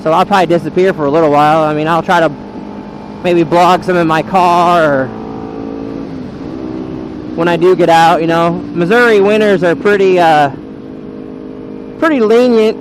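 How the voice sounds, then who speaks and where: A man's voice: fairly high pitch, steady tone, moderate pace, long pauses. An American man rambling casually to viewers from inside a motorcycle helmet as he rides and vlogs. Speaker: motovlogger. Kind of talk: casual rambling vlog while riding a motorcycle. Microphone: helmet microphone. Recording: loud engine and wind noise, helmet mic.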